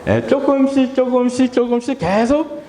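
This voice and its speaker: A man's voice: very high voice, normal speed, warm tone, slight background noise. A man in his thirties preaching a children's sermon. He talks playfully, asks the children questions, leads call-and-response, and acts out his family and his own tired sighs. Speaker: pastor. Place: church hall. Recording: echoey hall with long reverb.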